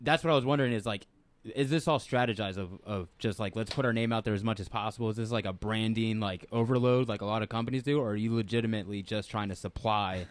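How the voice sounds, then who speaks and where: Low-voiced male podcast host. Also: quick pace. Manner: relaxed, curious, rambling questions. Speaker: podcast co-host, former fighter and coach. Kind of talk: casual interview chat.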